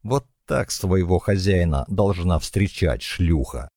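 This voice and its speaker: A man's voice: low-pitched, slow pace, mellow, no room sound, studio quality, heavily acted. A man voicing a coarse, menacing male thug who taunts and sneers crudely. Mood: furious.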